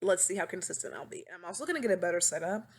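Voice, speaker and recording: Her voice is husky and on the low side, and she races through her words. She's a twenties-aged woman running a casual podcast at home on a webcam microphone, animated, rambling, dramatic and self-mocking.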